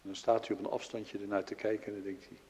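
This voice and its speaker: A man preaching a sermon, telling a story with acted-out dialogue and dropping from loud to hushed. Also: on the low side, level tone, fast talker. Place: church. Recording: long reverb of a large hall.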